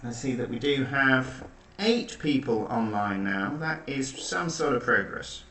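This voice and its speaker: Wry quiz host in a cave-like echo. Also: male voice, medium pitch, measured pace. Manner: dry, wry and deadpan. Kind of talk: hosting an online quiz. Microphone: makeshift backup mic. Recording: echoey room, far from the mic.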